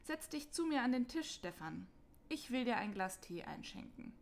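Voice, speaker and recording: A woman voicing a kind old cobbler, gently inviting. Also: a little high, big pitch swings, normal speed, gravelly, pitched above the performer's own voice. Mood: kindly. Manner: warm, inviting, friendly.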